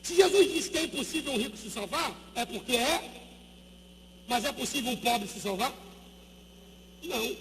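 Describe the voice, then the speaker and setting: A male pastor with a Brazilian Portuguese accent, preaching emphatically into a handheld microphone at a youth event. He repeats numbers and questions and urges the listeners to shout back. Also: extremely high pitch, animated, moderate pace, gravelly, pauses often, a little hiss or hum. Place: large gymnasium. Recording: long gymnasium reverb.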